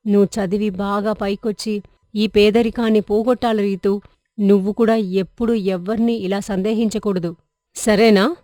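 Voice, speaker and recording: A poor, gentle mother, played by a woman storyteller, advises her daughter in a low, soft, quiet voice. The recording is dry and close. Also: no echo, close to an everyday voice.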